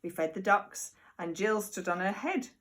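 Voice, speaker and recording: At home, a woman with a medium-pitched voice reads a picture book aloud to young children the way a primary teacher would, expressive and deliberate, with chatty asides.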